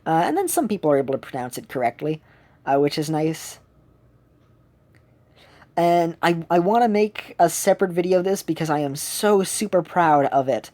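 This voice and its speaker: Rambling, chatty woman with a mellow voice. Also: low-pitched, lively intonation, moderate pace. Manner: rambling, self-correcting, chatty. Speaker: streamer. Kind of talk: casual chat while gaming.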